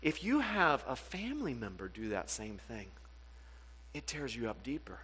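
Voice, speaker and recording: A man preaching a sermon as pastor, animated and acting out the voices he quotes. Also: mid-range voice, moderate pace, long reverb tail, a little hiss or hum.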